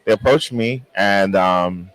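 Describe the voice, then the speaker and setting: A man co-hosting a casual panel talk show, speaking in halting bursts with frequent restarts. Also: deep voice, a bit bright, rough recording. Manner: halting, restarts often, mimics others in quotes. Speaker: co-host.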